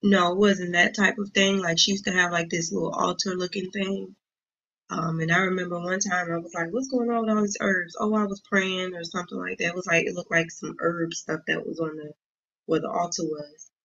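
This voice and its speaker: A woman speaking as an interview guest, telling her story haltingly with many pauses and ums. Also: lowish voice, flat delivery, creaky, pushed and bright, dull audio. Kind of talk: casual interview talk.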